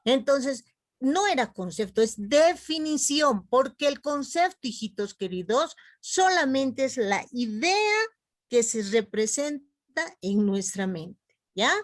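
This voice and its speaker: A woman teaching a class, explaining slowly and warmly addressing her students as young ones. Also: high-pitched, very animated, no echo, studio quality. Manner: slow, explanatory, calls students "jovencitos". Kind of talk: online class lecture.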